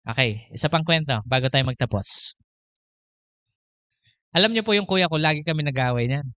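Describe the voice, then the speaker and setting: A man's voice: a little high, expressive, normal speed, sharp tone, clear, resonant tone, dry recording. A man preaching a sermon as pastor, telling a personal story, moving between Tagalog and English and laughing often. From Philippines.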